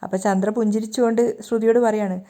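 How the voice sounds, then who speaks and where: A woman narrating a recap of a television serial in a steady storytelling manner. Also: mid-range voice, quick pace.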